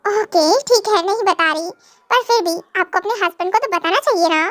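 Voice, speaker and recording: Sly hinting doctor, voiced by a woman, fan audio drama, very high. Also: fairly quick, fairly bright tone, no echo. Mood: teasing. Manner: teasing, hinting. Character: knowing female doctor.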